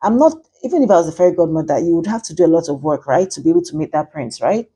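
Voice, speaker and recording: A woman's voice: on the low side, lively intonation, very fast, mellow, breathy edge. A woman, a matchmaker ranting chattily and with exasperation in a vlog.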